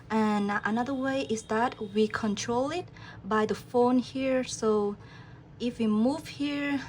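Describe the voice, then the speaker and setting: Slow, calm woman demoing software. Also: fairly high pitch, slight background noise. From Vietnam. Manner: calm, guiding the viewer step by step. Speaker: program applicant demoing her task. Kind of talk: screen-recorded software demo.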